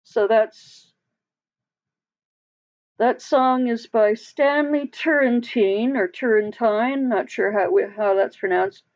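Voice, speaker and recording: Slow, chatty woman hosting a live stream. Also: fairly high pitch, a little mellow, muffled recording. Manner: chatty, laughs often, trails off mid-sentence. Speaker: livestream host. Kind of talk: casual live chat with viewers.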